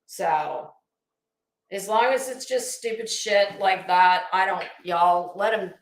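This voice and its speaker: Her pitch is medium and her pace slow as she hosts a live commentary stream, ranting to viewers in a blunt, casual, sweary way. She stresses her points hard and keeps restarting phrases, all in an echoey, roomy space.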